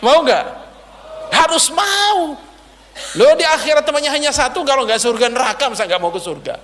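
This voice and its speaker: A man's voice: extremely high pitch, fast, a bit bright, a little hiss or hum. A man preacher telling a dramatic sermon story in a prayer hall, addressing the audience directly. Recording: long hall reverb.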